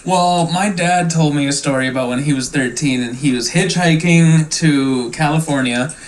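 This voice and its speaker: Man, slightly high voice, loose, profane, rambling storyteller. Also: moderate pace, rough recording. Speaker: podcast host. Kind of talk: casual stoner chat, storytelling.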